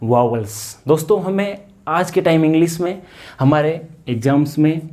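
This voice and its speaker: A man's voice: mid-range voice, dark tone. A man with an Indian accent teaching English grammar in a lesson, asking questions and answering them himself and repeating key words. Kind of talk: classroom-style grammar lesson.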